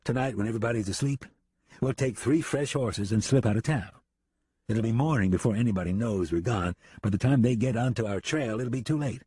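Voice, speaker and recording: A man voicing a sly prisoner calmly talking his captors into a plan, in an audiobook. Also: medium pitch, brisk, slightly rough, no echo, studio quality, lightly acted. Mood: coaxing. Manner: relaxed, coaxing. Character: sly jailed outlaw man.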